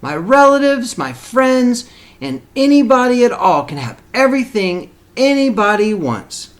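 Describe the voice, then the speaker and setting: A man voicing an excitable, wishful young male donkey in a storybook, exclaiming with emphasis. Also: extremely high pitch, a little slow, voice pushed up, exaggerated voice. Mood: thrilled, dreamy. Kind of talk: storybook read-aloud character.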